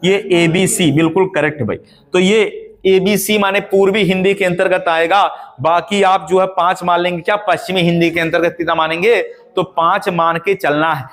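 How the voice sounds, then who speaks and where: A man with a high, light voice runs an exam-prep lesson. He keeps asking his students questions and says each answer again and again so it sticks. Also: fairly even intonation, moderate pace, fairly bright tone. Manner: drills answers with repeated questions. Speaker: teacher.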